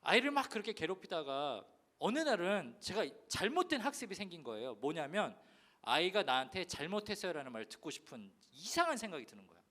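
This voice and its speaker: A man's voice: high voice, a bit bright. A male pastor giving a sermon, telling a candid personal story in a confessional tone and acting out the voices in it. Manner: acts out scolding voices in his story.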